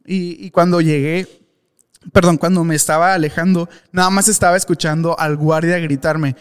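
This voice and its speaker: A man's voice: a little high, steady tone, normal speed, smooth. A young adult man with a Mexican accent, hosting a podcast and telling a story candidly, with restarts and acted-out dialogue. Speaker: podcast host. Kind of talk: casual storytelling monologue.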